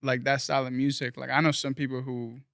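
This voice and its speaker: A man's voice: medium pitch, flat delivery, quick pace, creaky, a bit bright, no echo, studio quality. A young man from South Florida, a guest musician talking casually in an interview, rambling earnestly with lots of fillers.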